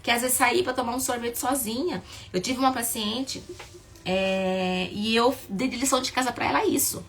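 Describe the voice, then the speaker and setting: A woman's voice: a little high, normal speed, a bit bright. Chatty Brazilian therapist woman. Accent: Brazilian Portuguese. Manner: chatty, emphatic, acts out quoted people. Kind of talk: casual motivational talk.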